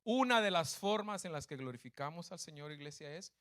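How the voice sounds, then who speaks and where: A man's voice: fairly high pitch, lively intonation, a little fast, a bit bright. A man preaching a sermon as pastor, emphatic, repeating key phrases and putting questions to the congregation. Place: church.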